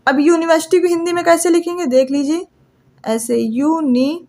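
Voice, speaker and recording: A woman's voice: very high-pitched, brisk, a little mellow. A young woman with a Hindi accent giving a classroom grammar lecture, repeatedly asking questions and answering them herself. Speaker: English grammar teacher.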